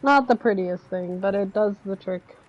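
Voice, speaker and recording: A woman with a medium-pitched voice speaks at a moderate pace, grumbling sarcastically and chatting casually while she plays a video game with her brother. She's a gaming streamer, and the dull lo-fi stream audio carries a little hiss or hum.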